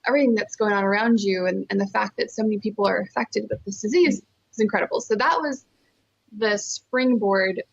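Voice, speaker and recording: A nonprofit fundraiser from California, born in Costa Rica, tells her story as an interview guest with earnest, emphatic enthusiasm. Her medium-pitched voice is fairly quick, slightly rough and touched with vocal fry, and the recording's highs are cut off.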